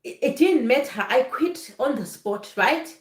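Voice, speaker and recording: A woman's voice: high-pitched, lively intonation, unhurried. A woman speaking earnestly to her viewers as a nurse vlogger, often checking in with "you understand?". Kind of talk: personal testimony to viewers. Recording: echoey room.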